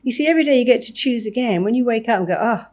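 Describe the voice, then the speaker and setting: A woman therapist on a podcast interview, talking in an animated way and acting out examples of self-talk. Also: a little high, very fast. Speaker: therapist guest.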